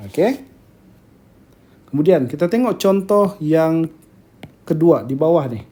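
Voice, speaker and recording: A man with a Malaysian accent teaching grammar in a lecture, speaking slowly, repeating key terms and often checking that students follow. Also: a little high, lively intonation, dark tone.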